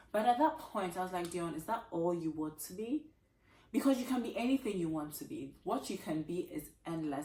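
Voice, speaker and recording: A woman from Ghana, an attorney and author in her thirties, giving an earnest motivational talk with a slightly croaky voice. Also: on the low side. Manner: earnest, emphatic, repeats phrases for emphasis. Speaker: attorney and author, channel host. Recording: echoey room.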